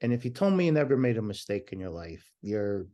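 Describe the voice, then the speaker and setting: A man's loud, fairly low voice swings widely in pitch and runs a little fast. He is a podcast guest on a remote call, talking with passion and emphasis in a conversational interview and at times restarting what he's saying.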